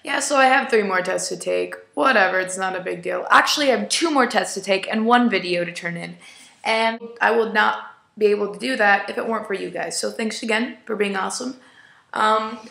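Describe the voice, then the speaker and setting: A young woman talks casually to her camera, rambling and peppering her sentences with "like." Her voice is bright and tense, with noticeable fry at the ends of phrases. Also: mid-range voice, a little fast, echoey room. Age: young adult. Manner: chatty, rambling, many "like"s. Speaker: vlogger. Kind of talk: casual vlog chat.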